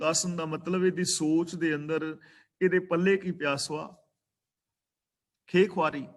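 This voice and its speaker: A man teaching a scripture class, explaining verses in a measured way, slowing down to recite them and to spell out how they are pronounced. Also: on the high side, a bit bright. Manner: explains pronunciation of scripture carefully. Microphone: online video meeting.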